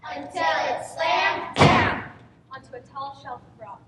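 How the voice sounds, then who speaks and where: A woman giving a lively live reading of a story on stage, trading lines with a partner. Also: high voice, slow. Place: stage in a hall. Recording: echoey hall from far off, noisy.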